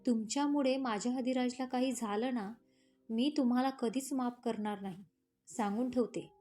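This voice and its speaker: A woman's voice: fairly high pitch, moderate pace, mellow, faint music behind, close to an everyday voice. A woman voicing an elderly grandmother who fiercely protects her grandson and sharply scolds the family, in a storybook reading. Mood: scolding.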